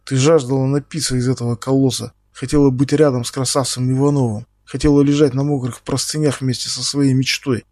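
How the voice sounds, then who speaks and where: A man voicing a menacing male captor who speaks slowly and quietly, taunting his victim. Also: medium pitch, little pitch movement, no echo, studio quality, close to an everyday voice. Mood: quiet menace. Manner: slow, quiet, taunting, bursts into shouting.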